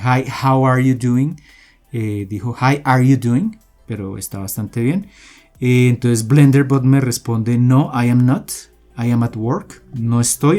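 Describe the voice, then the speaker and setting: Tutorial host: man, relaxed mellow tone, explains coding steps patiently with fillers, soft music under. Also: medium pitch. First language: Spanish. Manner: explanatory, steady, with frequent fillers and restarts. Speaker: programming tutor. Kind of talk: screen-recorded coding tutorial.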